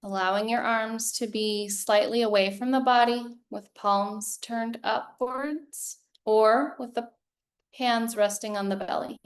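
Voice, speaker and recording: With a fairly high voice, a yoga teacher talks a group through a guided meditation. She keeps her delivery calm and measured, offering soothing phrases and leaving long pauses.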